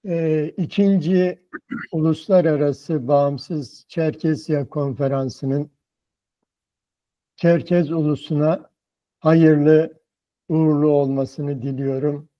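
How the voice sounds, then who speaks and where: A man's voice: fairly high pitch, fairly even intonation, takes it slowly, warm tone. A man, chairing a conference, giving a formal closing speech in a solemn, declarative way. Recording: dull, muffled audio.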